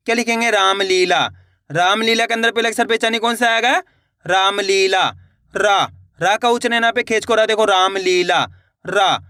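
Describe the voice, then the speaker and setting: Bright-voiced reading teacher. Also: male voice, sits high, no room sound, clean studio sound. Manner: addresses viewers as friends, drawn-out syllable-by-syllable reading. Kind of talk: slow spelled-out reading lesson.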